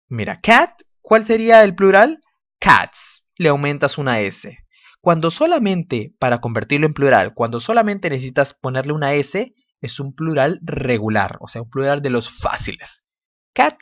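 A man, teaching an English lesson in a lively way and often checking in with his students. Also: mid-range voice, no echo. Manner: animated, repeats words, checks in with "¿ok?". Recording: dull, dry close recording.

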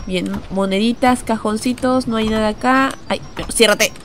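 A woman's voice: on the high side, moderate pace, a little hiss or hum. A young woman streaming a horror game, chatting nervously to viewers and breaking into frightened shrieks. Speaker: gaming streamer.

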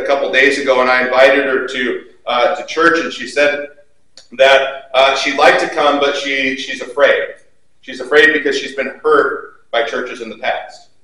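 A middle-aged male pastor preaching a sermon in a church, earnest and emphatic, moving between loud stresses and quiet low passages. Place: church sanctuary. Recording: very echoey hall, mic at a distance.

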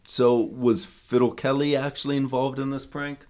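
A man's voice: medium pitch, little pitch movement, moderate pace, a little mellow. A man narrating a local folk legend in a storytelling way, swelling for the big moments and dropping in punchy asides. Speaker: museum staff member telling local lore.

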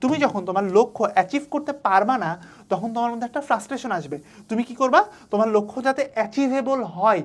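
Woman, young adult, tutor, rapid delivery, rhetorical questions. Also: a little high, animated. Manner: coaxing, asks and answers her own questions. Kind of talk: online study-advice lesson.

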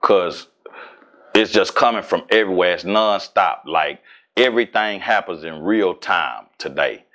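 Man in his forties, Southern accent, profane, streetwise, lowish voice. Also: a little slow. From Houston, Texas. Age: 40s. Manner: profane, streetwise, animated storytelling. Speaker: rapper and guest. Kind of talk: casual interview talk.

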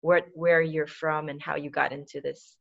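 A Filipina woman in her forties hosts a casual webinar over video call from a dim room at home, laughing often. Her voice is low with vocal fry, and she speaks at a normal speed in a level tone. The laptop webcam mic leaves the call audio slightly muffled.

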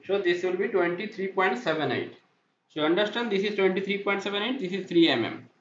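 A welding inspection instructor teaches a calculation on a digital whiteboard, speaking slowly and repetitively as he asks and answers his own questions. His voice is high with lively intonation. The lo-fi voice-over, recorded over the screen drawing, sounds roomy and dull.

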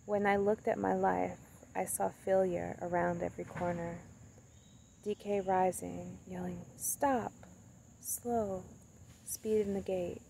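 A young woman speaking softly and haltingly into her phone in the woods, sharing thoughts and reading a poem she wrote. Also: medium pitch, gravelly, a little hiss or hum. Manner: soft and halting, many pauses and fillers. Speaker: spoken word poet. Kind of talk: casual reflective talk and poetry reading. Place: outdoors in woods, beside a tree. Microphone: phone camera at arm's length. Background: crickets and insects outdoors.

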